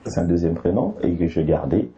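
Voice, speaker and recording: A man's voice: low voice, expressive, brisk, dark tone, breathy edge. A man from Côte d'Ivoire, a guest artist in an interview, talking with frequent hesitations and restarts. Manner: hesitant, with many fillers and restarts. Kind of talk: interview conversation. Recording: slightly dull, faint background noise.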